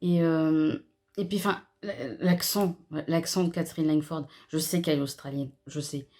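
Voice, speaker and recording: Young woman chatting away, lowish voice, slangy, keeps restarting her sentences. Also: fairly even intonation, normal speed, a little mellow. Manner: chatty and slangy, with frequent fillers, restarts and laughter. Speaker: YouTuber reviewing a TV episode. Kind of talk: casual chat.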